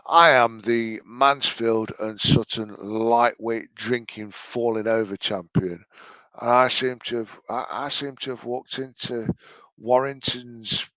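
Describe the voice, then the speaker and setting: A man's voice: medium pitch, bright, forceful tone, dry recording. An English man in his late forties giving mocking reaction commentary, sarcastic and sweary. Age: late 40s.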